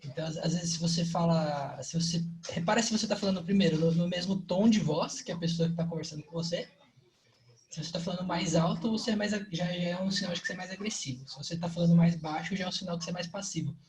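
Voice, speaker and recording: Guest trainer, explanatory, halting, mid-pitched voice. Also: a little mellow, low-quality recording. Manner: explanatory, repeats words while thinking. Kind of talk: casual online training talk.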